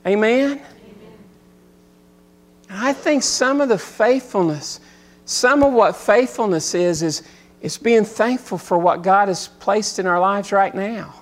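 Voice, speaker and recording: Forty-something guy preaching, high voice, gets loud then goes soft and thoughtful. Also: slow pace. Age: 40s. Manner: preaching, rising loud and high then settling into quiet reflection. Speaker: pastor. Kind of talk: sermon.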